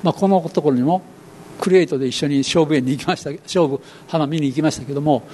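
Old kansai guy preaching, fairly high voice, homey storyteller, bit of background hum. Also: dark tone. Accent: Kansai Japanese. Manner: storytelling, acts out quoted voices, folksy and unhurried. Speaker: pastor. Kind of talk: sermon.

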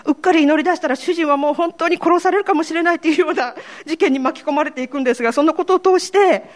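A woman with a Kansai Japanese accent, high-pitched and fast, is a church member sharing her personal faith testimony with the congregation. She tells her story candidly and with self-deprecation.

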